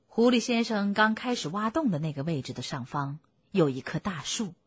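Husky woman reading a bedtime story. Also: mid-range voice, moderate pace, no echo. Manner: gentle, expressive, animated.

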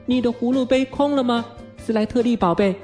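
A man's voice: extremely high pitch, a little fast, darkish tone, faint music behind, voice pushed up. A man voicing a bossy, motherly girl who plays mother to a crowd of boys and scolds them fussily. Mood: fussy. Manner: scolding, fussy.

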